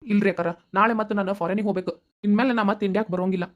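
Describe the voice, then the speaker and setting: A woman's voice: mid-range voice, fairly even intonation, rapid-fire, lo-fi sound, lightly acted. A woman voicing a wealthy, kindly middle-aged family friend in a cartoon, speaking earnestly in a North Karnataka Kannada accent. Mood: reassuring. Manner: earnest, reassuring, long explaining speeches. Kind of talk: cartoon voice acting.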